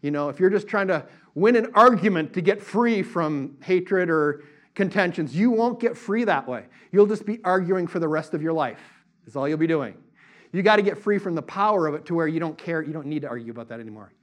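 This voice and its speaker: Man, middle-aged, pastor, sermon, high-pitched, animated, conversational asides. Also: fairly quick. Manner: animated preaching, acts out voices in quotes.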